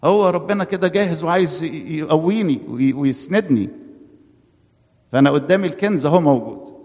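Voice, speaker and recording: A man with an Egyptian Arabic accent delivers a sermon in a slightly high voice. He poses rhetorical questions and answers them himself, and he slows down to lean on scripture quotes. The recording is muffled and rings with long church reverb. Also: darkish tone. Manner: quotes scripture slowly and emphatically.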